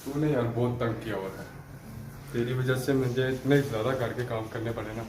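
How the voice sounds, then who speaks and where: A man's voice: medium pitch, steady tone, fairly quick, noisy background. A young man acting out a comedy skit, exasperated and teasing. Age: young adult. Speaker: comedy sketch actor. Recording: echoey room, far from mic, music behind.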